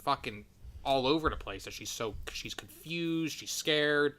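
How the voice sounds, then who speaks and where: A man's voice: medium pitch, expressive, a little slow, fairly bright tone. A man co-hosting a podcast who chats casually, offers opinions and swears now and then. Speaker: podcast co-host. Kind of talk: casual chat.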